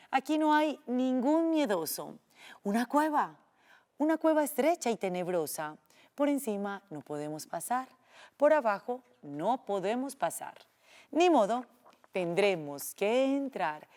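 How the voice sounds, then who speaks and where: A woman's voice: fairly high pitch, darkish tone. A woman teacher telling a children's story in a playful, sing-song way, acting out the sound effects.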